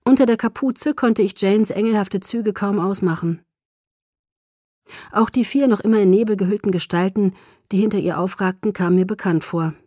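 A woman narrates a first-person audiobook in a measured, low-key way. Her voice is dark and mellow, and the recording is dry and close with no room sound. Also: no room sound.

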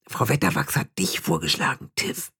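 A man reading the part of a young witch girl passing on news in a hushed, guilty voice. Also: low-pitched, sing-song, moderate pace, husky, exaggerated voice. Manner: hushed, conspiratorial.

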